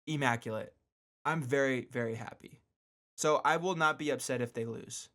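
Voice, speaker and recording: With a mid-range, fairly bright voice at a normal pace, a man hosts an informal solo radio program, tossing in slang and repeating words for stress.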